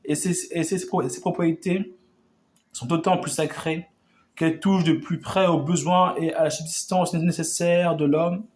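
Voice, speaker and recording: A man's voice: fairly high pitch, steady tone, measured pace, darkish tone. A man declaiming a historic revolutionary speech in an oratorical manner, often stumbling and restarting his words.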